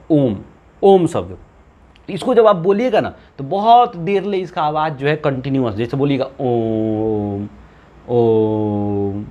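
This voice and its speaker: Lively, questioning Hindi grammar teacher man. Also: on the high side. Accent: Bihari Hindi. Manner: asks the class questions and answers them himself; repeats key points, lively and chatty. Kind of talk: classroom-style lesson.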